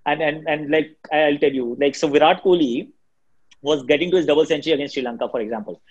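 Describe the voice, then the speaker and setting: A Delhi man with an Indian accent, a cricket commentator who speaks Hindi as his first language, answers interview questions in a shrill, rapid, energetic manner. He talks fast and with plenty of energy, and the audio sounds dull.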